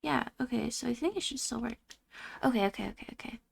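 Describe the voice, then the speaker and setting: Streaming a game, a young woman chats casually, reacts out loud and thanks her viewers as her voice turns hoarse. She is losing her voice, speaks fast, and pitches on the high side.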